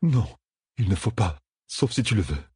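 A man's voice: on the low side, sing-song, quick pace, darkish tone, no room sound, clean studio sound, pitched above the performer's own voice, heavily acted. A man voicing a badly wounded young prince who speaks weakly and breathily in an audiobook. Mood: faint. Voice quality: weak, breathy, murmured. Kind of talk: audiobook character voice.

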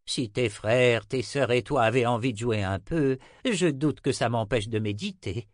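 A gentle old wizard speaks with warm, teasing patience in a storybook reading, as a male narrator puts him on. His lines come slow and a little raised, friendly rather than grand. The sound is close and dry. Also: medium pitch, dry recording, natural voice. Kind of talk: audiobook character reading.

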